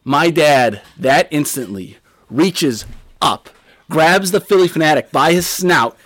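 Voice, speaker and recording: Animated man telling a story, dry mic. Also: a little high, takes it slowly, dry recording. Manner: animated, laughs mid-story, acts out chants and quotes. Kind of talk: casual storytelling.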